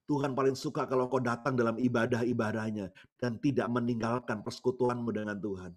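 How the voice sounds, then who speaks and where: A male pastor preaching a sermon in a storytelling way, often addressing the congregation directly. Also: medium pitch. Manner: storytelling, repeatedly addresses listeners.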